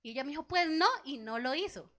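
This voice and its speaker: Bright-voiced woman pastor preaching. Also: high-pitched, racing. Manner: storytelling, acts out quoted dialogue; asks the congregation rhetorical questions. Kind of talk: sermon. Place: church.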